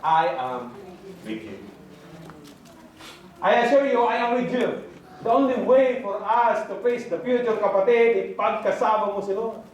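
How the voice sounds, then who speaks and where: High-voiced pastor preaching in an echoey hall. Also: male voice, steady tone, normal speed, lo-fi sound. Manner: preaching in mixed Tagalog and English, voicing God and prophets dramatically. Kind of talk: sermon. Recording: echoey hall from far off, faint ambience.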